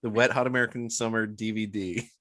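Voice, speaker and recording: A man's voice: on the low side, steady tone, a little fast, a bit bright, dry recording. Dry-voiced man joking in casual chat. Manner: joking, rambling, laughs often. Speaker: podcast co-host.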